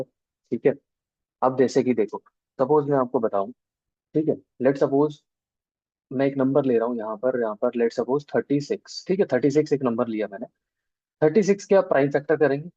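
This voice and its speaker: A man's voice: medium pitch, warm tone, no room sound, dull audio. A male maths teacher with an Indian accent, explaining an online class step by step and checking in with students often. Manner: explains step by step, drawing out key terms slowly. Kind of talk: online class lecture in mixed Hindi and English.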